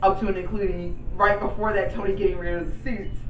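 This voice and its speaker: A woman co-host in a casual chat, thinking aloud in halting, reworked phrases. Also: medium pitch, flat delivery, highs cut off. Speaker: podcast co-host reviewing superhero TV. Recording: roomy echo, distant mic, music behind.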